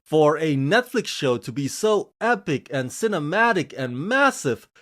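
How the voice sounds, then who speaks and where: An Indonesian man hosting his own channel, a film reviewer, gives a scripted review of a series with gushing, emphatic enthusiasm and frequent swings in pitch and pace. His voice is a little slow, fairly bright, with big pitch swings.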